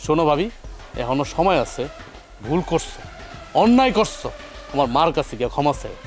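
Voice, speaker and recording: An indignant young husband with a colloquial Bangladeshi Bengali accent, scolding in a fairly high voice. He talks fast, and soft music plays underneath. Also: big pitch swings. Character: angry young husband defending his mother. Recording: with faint background music.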